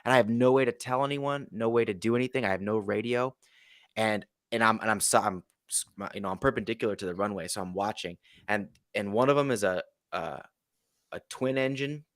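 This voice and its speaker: A man recounting a tale as a podcast guest, throwing himself into the quoted lines. His voice sits low and sounds close and dry, with no room around it. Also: brisk, no room sound. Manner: animated storyteller acting out quotes. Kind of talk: casual storytelling.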